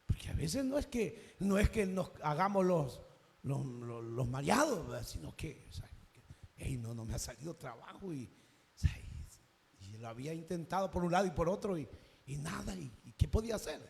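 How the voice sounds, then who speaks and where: Animated Salvadoran preacher in an echoing hall. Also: male voice, on the high side, normal speed, gravelly. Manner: animated storytelling, acting out dialogue, rising to shouts. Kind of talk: sermon with personal testimony.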